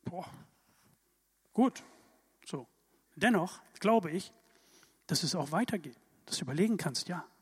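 A man preaching a sermon in a lively, emphatic way, full of rhetorical questions. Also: high-pitched, measured pace, pauses often, husky. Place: church hall. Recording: church hall reverb.

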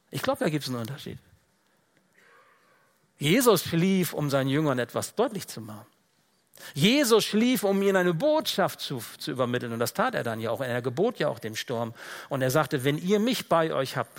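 A man preaching a sermon in a casual, conversational way, often dropping to quiet, low tones for emphasis. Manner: rises and gets louder when reading out dramatic Bible quotes.

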